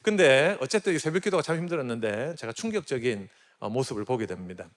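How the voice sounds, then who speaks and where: A man's voice: medium pitch, expressive, quick pace. A man in his forties giving a church lecture, telling stories with animation and asking the audience questions. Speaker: guest lecturer. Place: church sanctuary. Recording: hall reverb.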